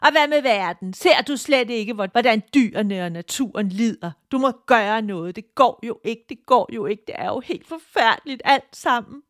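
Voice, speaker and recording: A woman voicing a frantic female mother-monster demon in a spoken story, shrill and scolding. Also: lively intonation, few pauses, a bit bright, no room sound, studio quality.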